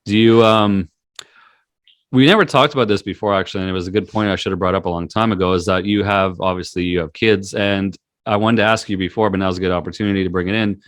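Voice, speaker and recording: Deep fast-talking male interview host. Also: fairly even intonation, a bit bright, no echo, clean studio sound. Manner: chatty, long rolling questions. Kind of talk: casual interview.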